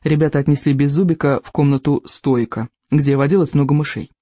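A narrator reading a children's story aloud in a lively, expressive way. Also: mid-range voice, fairly quick, no echo, lo-fi sound. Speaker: audiobook narrator.

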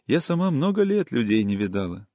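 A man voicing a tender, melancholy young peasant woman in an audiobook reading, with a soft, soothing, singsong manner. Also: medium pitch, big pitch swings, a little fast, no echo, studio quality, close to an everyday voice.

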